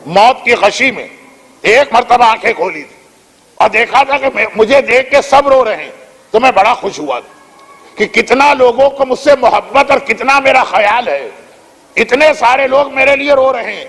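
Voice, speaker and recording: A dying young man pours out a reproachful, pleading lament in a strikingly high voice, put on by a preacher. The sound rings with a long hall reverb. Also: expressive, fairly bright tone. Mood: anguished reproach.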